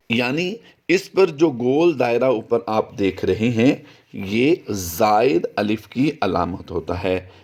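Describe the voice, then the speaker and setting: Slow, patient male Quran reading teacher. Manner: slow, patient explanation, chanting the sample words long and high. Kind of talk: recorded tajweed lesson.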